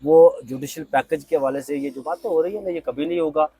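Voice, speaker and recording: A man's voice: a little high, a little fast, warm tone, slightly rough. A man, a court reporter guest on a political talk show, speaking emphatically and rising sharply when he argues. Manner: emphatic, insistent, rises sharply when arguing.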